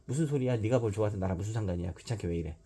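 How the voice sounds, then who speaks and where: A man's voice: on the low side, rapid-fire, dark tone, breathy edge. A man voicing a prickly, defensive schoolchild who snaps at a classmate, in a raised, childlike voice. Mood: irritated. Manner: snappish, irritated.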